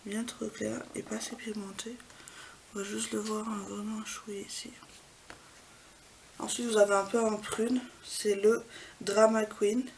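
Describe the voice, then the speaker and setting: A woman vlogger talks viewers through eyeshadow swatches in a casual, gentle way, her voice often sinking to a near whisper. Her tone carries a gravelly, creaky edge. She records in her apartment with a faint hiss of noise behind her. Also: medium pitch, flat delivery, unhurried, pauses often, rough recording. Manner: soft-spoken, often dropping to a near whisper. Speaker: beauty vlogger. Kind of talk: casual product swatch walkthrough. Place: home apartment.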